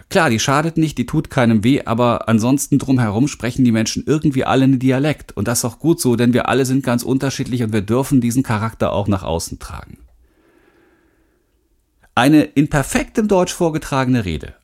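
The narrator, a middle-aged speaking coach from western Germany's Rhineland, presents his self-help audiobook in a mid-range voice. He is emphatic and frank, aiming his words right at the listener.

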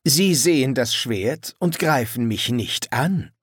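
A man voicing a polite, patient male vampire recruit who answers calmly and courteously, in an audiobook. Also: mid-range voice, slow pace, no room sound.

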